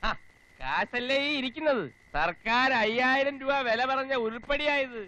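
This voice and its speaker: An actor playing a scheming petty thief who banters quickly and wheedles, in a slapstick film comedy. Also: male voice, very high voice, animated, pushed and bright, dull audio, heavily acted.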